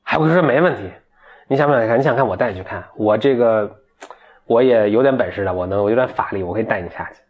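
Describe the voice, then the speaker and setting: Through narrow, tinny audio, a man with a fairly low voice quickly retells a folk tale to a friend. He's chatty, lightly voicing the characters and laughing at the story.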